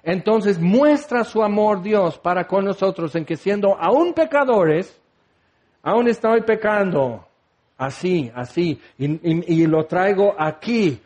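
Slow and animated, a male preacher with a notably high but darkish voice gives a passionate sermon. He often addresses listeners with direct questions and takes on the voices of biblical figures as he recounts what they said.

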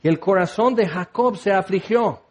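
A male preacher with a notably high voice delivers an impassioned sermon. He keeps turning to his listeners with direct questions and slips into the voices of biblical figures as he retells their words. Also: moderate pace.

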